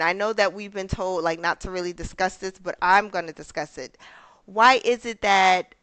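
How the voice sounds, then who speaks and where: A woman's voice: medium pitch, fairly bright tone, smooth, no room sound. A woman co-hosting a podcast, telling earnest personal stories in casual chat, often using "like.". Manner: earnest, personal storytelling with many "like" fillers. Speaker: podcast co-host.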